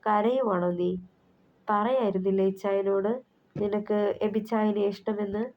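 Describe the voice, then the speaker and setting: A woman's voice: mid-range voice, fairly even intonation, unhurried, natural voice. A woman voicing a caring young woman who tenderly consoles her friend. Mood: consoling. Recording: slightly muffled recording.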